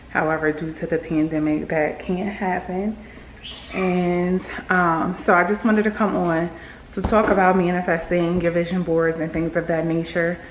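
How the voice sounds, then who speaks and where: A woman with a slightly low voice talks to her viewers in a loose, rambling vlog style. Wearing retainers gives her words a slight lisp. Background room noise is clearly audible on the recording. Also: poor audio. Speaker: vlogger. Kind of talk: casual rambling chat to viewers.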